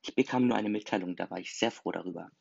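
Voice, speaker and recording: Guy reading a first person story, low voice, earnest, kinda muffled lo-fi audio. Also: quick pace, creaky. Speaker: story reader. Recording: slightly dull lo-fi recording.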